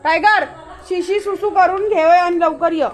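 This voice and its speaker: A woman's voice: very high-pitched, steady tone, a little slow, faint music behind. A woman vlogging outdoors in light rain, filming on a handheld camera while she coaxes and scolds her dogs. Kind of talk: casual vlog talk. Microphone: handheld camera while walking.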